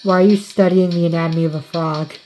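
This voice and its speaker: A woman's voice: on the low side, steady tone, fast talker, a little mellow, faint music behind. A woman giving casual reaction commentary over a video as host.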